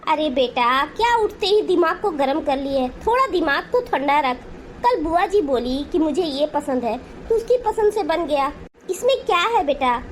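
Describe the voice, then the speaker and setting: A woman's voice: sits high, expressive, normal speed, slight background noise, pitched below the performer's own voice. A woman voicing an indulgent middle-aged mother in a Hindi cartoon, coaxing and placating.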